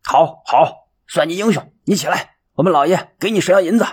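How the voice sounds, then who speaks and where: A male storyteller voicing a servile household steward who talks quickly and placatingly. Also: on the high side, husky, voice pushed up.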